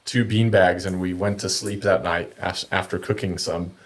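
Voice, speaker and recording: Guy, kinda deep voice, chill slangy storytelling like a podcast guest. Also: little pitch movement, normal speed. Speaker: podcast guest, kayak angler. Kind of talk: casual chat, anecdotes.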